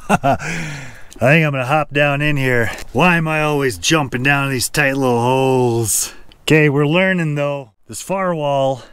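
A man's voice: medium pitch, slight background noise. A man narrating his own outdoor prospecting vlog at an abandoned mine, thinking aloud and pointing things out as he goes. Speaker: gold prospecting vlogger.

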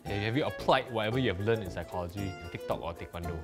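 A man's voice: on the low side, rapid-fire. A young man with a Singaporean accent hosting a casual comedic interview, bantering playfully in Singlish. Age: young adult. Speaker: comedic interviewer, show host. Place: indoor office studio set. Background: background music.

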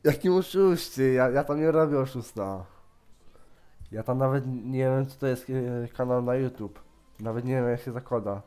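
Teasing young man gaming, mellow voice. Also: medium pitch, fairly even intonation, moderate pace, clean tone. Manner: teasing, joking, playfully mocking. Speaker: gaming YouTuber. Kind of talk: casual gaming chat, pranking another player.

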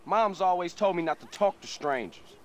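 Snarky young street guy in a game cutscene, high voice. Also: expressive, a little slow. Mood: sarcastic. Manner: sarcastic. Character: irritated young male street hustler.

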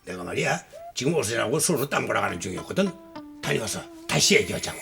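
A man's voice: medium pitch, very animated, fast, gravelly, sharp tone, soft background music, full character voice. A man playing a blustery, impulsive middle-aged husband and boss in a Korean TV family drama, speaking brusquely and emphatically. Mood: excited.

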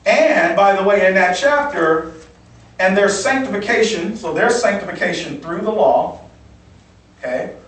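A man's voice: high-pitched, animated, measured pace, fairly bright tone. A male pastor teaching from the Bible in a sermon, repeating key phrases and checking in with "okay?". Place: church sanctuary. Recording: echoey church hall from far off.

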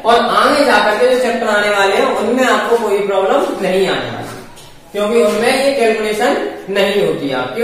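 Man teaching math, high voice, talks through steps with rhetorical questions, very echoey room, distant mic. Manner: explains step by step, asks and answers his own questions. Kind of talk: exam-prep math lesson.

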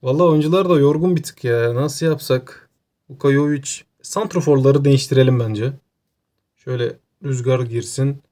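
A man with an Aegean Turkish accent giving casual, joking gameplay commentary, excitable and talking to himself. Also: medium pitch, moderate pace. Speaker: gaming YouTuber.

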